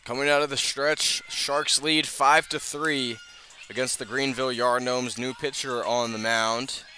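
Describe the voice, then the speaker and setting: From an outdoor ballpark broadcast position, a man calls live radio play-by-play of a baseball game. His mid-range voice is smooth, bright and forceful, with fairly even intonation and a measured pace.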